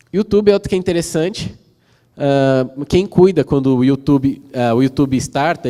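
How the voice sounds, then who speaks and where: A Brazilian man presents at a tech conference in a relaxed, chatty way, often checking in with the audience. His voice is dark and mellow, at a middle pitch for a man. A long reverb from a large hall trails behind each phrase. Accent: Brazilian Portuguese. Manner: explanatory, casual, frequent fillers and tag questions. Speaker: conference speaker. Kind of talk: technical conference talk.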